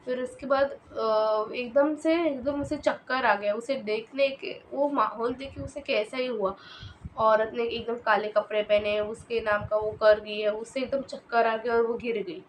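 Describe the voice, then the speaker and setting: A woman's voice: on the high side, steady tone, a little slow, a little hiss or hum, rough recording. A woman casually telling a horror story, hesitant and full of fillers and restarts.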